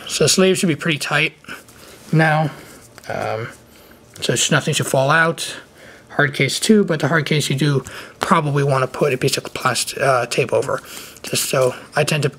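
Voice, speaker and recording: A man with a medium-pitched, slightly bright voice and a mild lisp from his retainer gives a casual, off-the-cuff tutorial as a trading card hobbyist walking through a how-to. He's at a desk in an indoor room, and the recording picks up noticeable background noise and handling clicks.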